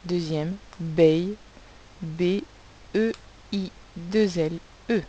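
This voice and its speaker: A woman teacher giving a recorded spelling lesson for young pupils, slowly sounding out words and spelling them letter by letter. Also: lowish voice, dark tone, muffled recording, slight background noise. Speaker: primary school teacher.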